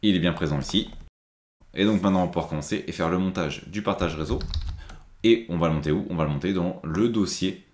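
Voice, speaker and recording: A man's voice: deep voice, fast talker, a little mellow, reverberant, slight background noise. A man presenting a screen-recorded IT tutorial, explaining step by step with frequent hesitations.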